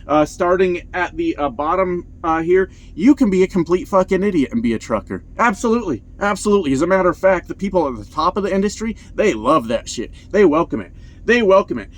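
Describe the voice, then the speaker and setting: A man's voice: high-pitched, fast talker, hardly any pauses. A man talking in a casual vlog about trucking, blunt and profane, telling stories with lots of energy. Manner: blunt, profane, animated storytelling. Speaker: truck driver vlogger. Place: inside his truck cab.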